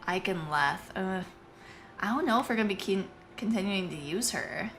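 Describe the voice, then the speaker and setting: Casting: bright, joking woman streamer, casual commentary, faint hiss behind. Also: medium pitch, animated, moderate pace. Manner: joking, laughs often.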